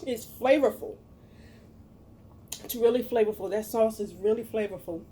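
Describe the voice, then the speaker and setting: A middle-aged American woman chatting casually to viewers as a cooking vlogger, with a folksy, expressive, emphatic manner. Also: on the high side, normal speed, slight background noise.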